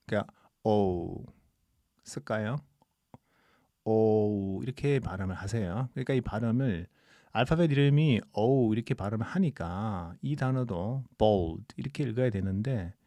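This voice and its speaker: A man hosting an English-teaching channel gives a relaxed, podcast-style lesson, explaining calmly and patiently and drawing out his example sentences. His voice sits at medium pitch, with no echo.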